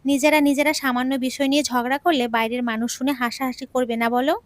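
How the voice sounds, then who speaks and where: Cold dismissive husband brushing her off, woman voicing him, high dry voice. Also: fairly even intonation, fast talker, no room sound, lightly acted.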